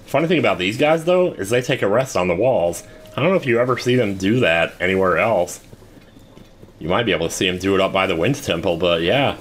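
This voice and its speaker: A man's voice: sits low, expressive, fairly quick, slight background noise. A man giving casual, rambling commentary while playing a video game, with wry asides. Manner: rambling, wry, self-deprecating. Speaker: let's play host.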